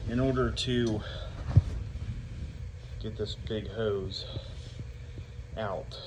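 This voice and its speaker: Against a noisy background, a DIY van builder with a fairly low voice works on his van and walks through a casual how-to. He keeps it plain and practical, explaining one step at a time.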